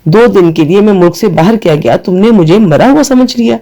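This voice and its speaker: A man voicing an angry young friend who scolds loudly. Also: high-pitched, lively intonation.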